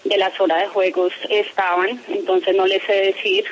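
A woman speaks over a muffled telephone line, with a faint hiss behind her. She is firm and insistent, keeping her wording formal as she answers an interviewer's questions. Her pitch sits in the middle for a woman. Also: little pitch movement, normal speed. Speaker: interviewee, parent making a complaint.

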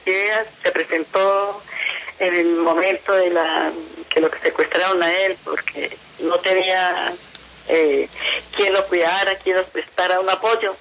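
A woman's voice: fairly low pitch, steady tone, a little slow, a bit bright, a little hiss or hum, poor audio. A middle-aged Colombian woman giving emotional testimony about her family, pleading and repeating herself. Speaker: interviewee, mother of a kidnapped son.

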